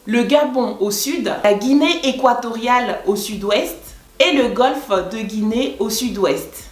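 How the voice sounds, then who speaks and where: A woman from West Africa, chatting casually in a vlog, explaining things and laughing often. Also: on the high side. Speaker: vlogger. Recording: echoey room.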